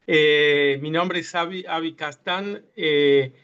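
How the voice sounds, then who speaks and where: A man with a slightly high voice talks about his work in an online interview. He hesitates often, filling gaps and restarting words. The sound is muffled and lo-fi, like a video call. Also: fairly even intonation, takes it slowly, fairly bright tone, smooth. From Uruguay. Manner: hesitant, many fillers and restarts. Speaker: tech entrepreneur guest.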